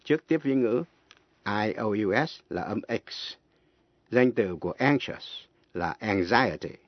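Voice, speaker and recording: Man, radio language lesson, slow careful delivery, spelling words aloud, muffled old broadcast, dry close sound. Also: lowish voice, expressive, no room sound. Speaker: English teacher on radio.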